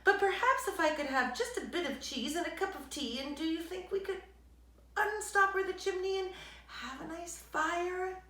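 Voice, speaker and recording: A woman voicing a small, polite, persistent storybook mouse in a courteous, gently chirpy manner. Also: very high-pitched, normal speed, pitched above the performer's own voice. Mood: polite coaxing. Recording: roomy echo, distant microphone.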